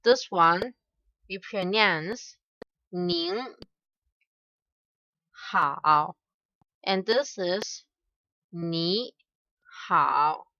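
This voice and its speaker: Very slow and hesitant, a woman teacher from Hong Kong with Cantonese as her first language walks through a grammar lesson, saying "uh" often and carefully repeating example phrases. Her voice is bright but on the low side, and the recording is dry, dull and a little lo-fi.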